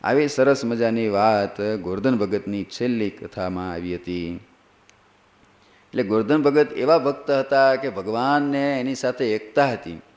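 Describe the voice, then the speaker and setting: A man's voice: mid-range voice, measured pace. A man who is a monk preacher, telling a sacred story as a sermon. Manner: lively storytelling, acts out characters.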